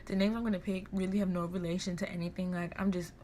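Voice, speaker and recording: A woman's voice: on the low side, flat delivery, fast, mellow. A young American woman telling a casual, gossipy story in a chatty, informal way, acting out bits of dialogue. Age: young adult. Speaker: vlogger. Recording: clear background room noise.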